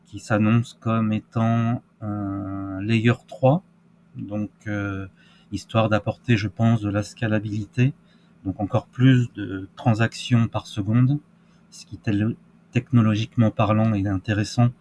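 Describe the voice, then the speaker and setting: A man's voice: fairly low pitch, a little mellow, a little hiss or hum. A man giving casual crypto market commentary, hesitant with many fillers and restarts. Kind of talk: casual screen-share market analysis.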